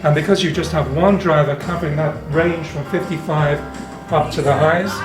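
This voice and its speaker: Here a male hi-fi exhibitor talks at a normal speed, his pitch on the high side and his intonation fairly even. In the spacious demonstration room of an indoor show, with music playing behind him, he walks through the technical details of his gear in a casual, thorough way.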